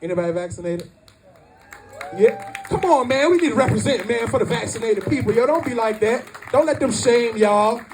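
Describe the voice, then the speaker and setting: A man in his thirties performing a stand-up comedy set at a family reunion, loud and animated, shouting his punchlines. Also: very high-pitched, moderate pace, distant mic, background noise.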